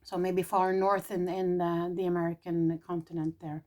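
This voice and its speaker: A Norwegian woman channels spiritual messages in a casual vlog, speaking softly and tentatively with frequent pauses. Her throat is irritated and she keeps clearing it. Her voice is lowish and fairly flat in pitch.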